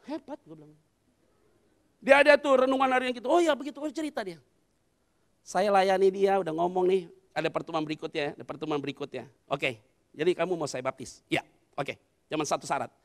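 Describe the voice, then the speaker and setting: Guy with a really high voice preaching a sermon, tells a story and acts out the lines, gets the crowd to answer back. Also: a little fast, long pauses. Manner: storytelling sermon that acts out dialogue and calls on the congregation to respond. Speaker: pastor.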